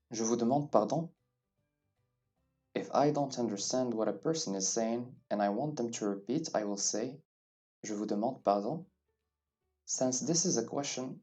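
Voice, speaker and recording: A man's voice: medium pitch, dark tone. A man teaching a beginner French lesson, patiently saying each phrase and then repeating it. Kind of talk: slow beginner language lesson. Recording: distant mic with faint background music.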